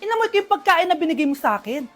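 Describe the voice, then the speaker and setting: Woman, high voice, playful skit acting over faint music. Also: big pitch swings, racing. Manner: playful, switches between many characters. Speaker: comedy skit performer. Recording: background music.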